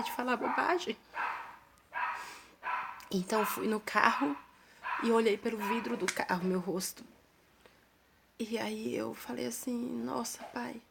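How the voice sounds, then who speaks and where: A woman's voice: fairly high pitch, gravelly, a little hiss or hum. A young woman with a Brazilian Portuguese accent, telling her own story to camera in an earnest, plain-spoken way, with small restarts.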